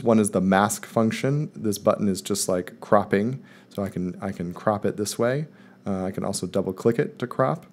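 A man calmly walking viewers step by step through a screen-recorded software tutorial, in voice-over. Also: on the low side. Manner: calm step-by-step explaining. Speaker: math teacher presenting a tutorial. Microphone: voice-over recorded over screen capture.

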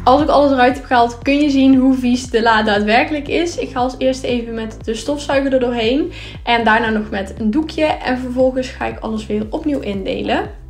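Upbeat young woman vlogger, higher voice. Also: fairly quick, over music. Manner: chatty and upbeat, with filler words. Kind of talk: clean-with-me voice-over narration.

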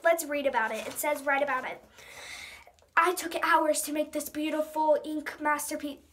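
A young girl of about ten with a high voice talks casually in a small room at home. She is dramatic and self-mocking, switching between reading aloud and chatty asides into a device at arm's length. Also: fairly even intonation, normal speed, a bit bright. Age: child, ten years old. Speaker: young vlogger. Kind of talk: casual chat, reading aloud from old diary.

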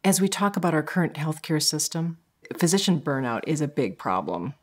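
A woman moderating an interview, asking measured, direct questions from a room lined with bookshelves. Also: deep voice, big pitch swings. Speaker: guest moderator.

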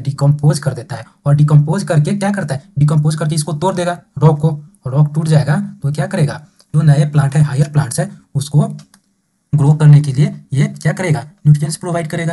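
Male biology tutor, slightly high, husky voice, explains exam notes. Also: mellow. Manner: reads textbook lines slowly, then explains, repeating "ठीक है". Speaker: biology teacher. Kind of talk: exam-prep lecture mixing Hindi and English. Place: online class recording.

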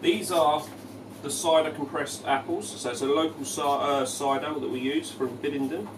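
A man, a head chef walking through a dish at his own relaxed pace, full of "um" and "okay". He's caught on a camera mic from a short distance in a big echoing restaurant kitchen. Frying pans and kitchen bustle sound loudly behind him. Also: a little high, normal speed. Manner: relaxed, explanatory, frequent "um" and "okay". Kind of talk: cooking demonstration. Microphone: camera mic from a few feet away. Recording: echoey kitchen, distant mic, loud kitchen noise. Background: sizzling pans and kitchen clatter.

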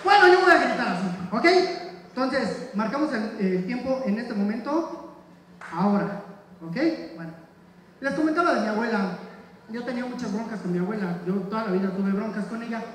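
Stand-up comic, Mexican man, high voice, crude banter, echoey hall from afar. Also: recorded from a distance, some chatter behind, slight background noise. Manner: crude, rapid-fire audience banter. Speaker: stand-up comedian. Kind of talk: stand-up comedy set. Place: live stage in a hall with audience.

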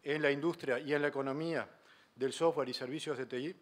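A middle-aged man with a Uruguayan Spanish accent opens a university panel as its moderator. He talks haltingly, with many restarts and fillers, at a middling pitch. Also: steady tone. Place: university auditorium.

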